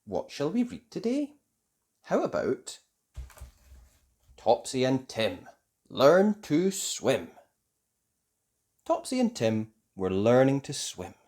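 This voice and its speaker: With a medium-pitched voice, this reader performs a children's tale from a script, drawing out the words in an expressive, musical, unhurried way for a young audience.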